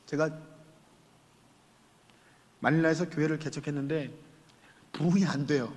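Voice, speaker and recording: Animated storytelling pastor in reverberant hall. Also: male voice, on the high side, measured pace. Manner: animated storytelling, acting out quoted voices. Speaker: guest pastor. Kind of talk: revival sermon storytelling. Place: large church sanctuary. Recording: long church hall reverb.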